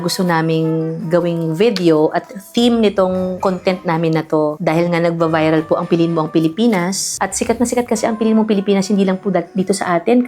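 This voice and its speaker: A woman's voice: lowish voice, darkish tone. A woman from the Philippines in her thirties, vlogging in a playful, teasing way, laughing often and mixing in English. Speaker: vlogger, singer. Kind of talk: casual vlog reading comments.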